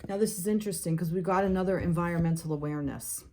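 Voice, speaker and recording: A woman's voice: lowish voice, rapid-fire, mellow, a little hiss or hum. A woman with a New Jersey accent giving a casual tarot reading, rambling along with many fillers, restarts and the odd swear word. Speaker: tarot reader.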